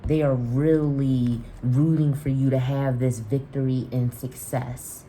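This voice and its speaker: Woman, tarot reader, low dark voice, affirming and repetitive, faint room hiss. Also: fairly even intonation, slow pace. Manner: affirming, repeats herself, restarts with "and, and". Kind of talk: spiritual tarot reading to camera.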